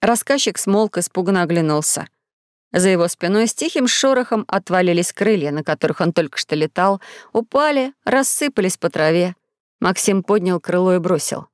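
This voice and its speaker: A woman's voice: lowish voice, animated, moderate pace, no room sound, studio quality. Woman narrator reading a children's story. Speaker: audiobook narrator. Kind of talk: scripted narration.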